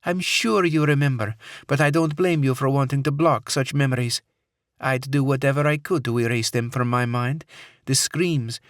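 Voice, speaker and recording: Brief: smooth, menacing female terrorist, played by a man, Middle Eastern accent, pitched well up, taunting. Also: no room sound, clean studio sound, lightly acted. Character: cold vengeful female terrorist.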